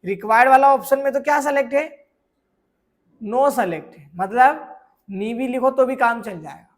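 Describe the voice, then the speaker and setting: A man teaching a software course, explaining with everyday examples and often asking whether students have understood. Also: very high-pitched, moderate pace. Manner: keeps checking if students follow; asks rhetorical questions and answers them. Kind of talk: screen tutorial lesson.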